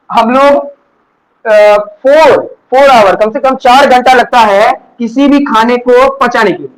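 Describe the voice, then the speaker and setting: Guy teacher with a really high voice, asks a question then answers it himself, keeps checking "got it?". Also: fairly bright tone, rough recording. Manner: keeps checking understanding with "ठीक है? है ना?"; repeats key words for emphasis. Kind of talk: classroom lecture.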